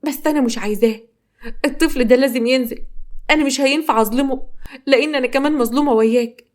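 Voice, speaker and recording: Female narrator as a terrified young Egyptian wife; pitched up, pleading, quick. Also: a little mellow, lightly acted. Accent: Egyptian Arabic. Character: frightened pregnant young wife, trapped.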